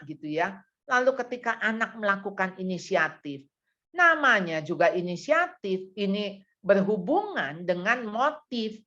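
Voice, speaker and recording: A woman's voice: medium pitch, a bit bright. A woman giving a parenting seminar talk, speaking animatedly and addressing the audience directly with frequent tag questions. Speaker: parenting educator. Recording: dull lo-fi recording.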